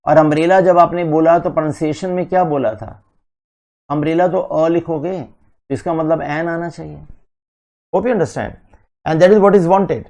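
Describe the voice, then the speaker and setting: This is a male teacher, switching between Hindi and in a classroom lecture. He talks slowly and deliberately and keeps quizzing his listeners. His voice sits a little high but sounds dark and mellow. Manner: slow, deliberate, asks students questions. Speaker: English teacher for entrance exams.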